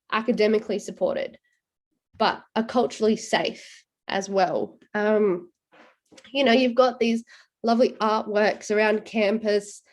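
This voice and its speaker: A woman's voice: a little high, a little mellow. A middle-aged woman talks on a video call as a student panelist. She sounds congested and a little short of breath. She speaks earnestly and puts pointed questions straight to her listeners. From Australia. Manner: earnest, direct, challenging the audience. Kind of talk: virtual panel remarks.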